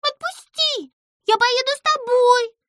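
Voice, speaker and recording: Shrill, bossy little girl creature. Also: measured pace, fairly bright tone, no room sound, clean studio sound. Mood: demanding. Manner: insistent, pleading.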